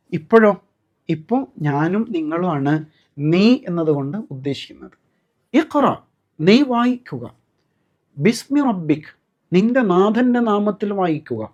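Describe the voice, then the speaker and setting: A man's voice: high-pitched, dull audio. Male Quran teacher, questioning style. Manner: explains step by step, asks rhetorical questions; recites Quranic verses slowly. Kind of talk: recorded Arabic and Quran class.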